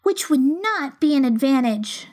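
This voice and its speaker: A woman's voice: high voice, expressive, a little slow, a little mellow, pitched above the performer's own voice. A woman reading a storybook voices a polite, slightly timid young girl. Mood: earnest.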